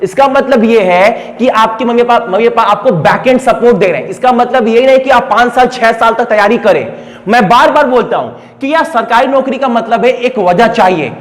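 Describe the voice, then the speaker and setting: A man's voice: very high voice, brisk. A young male coaching teacher. He tells his story bluntly and with animation, repeating phrases for emphasis. The sound rings with a long reverb, as if the recording were made in a hall. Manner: blunt, animated retelling with repetitions. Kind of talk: storytelling motivational talk.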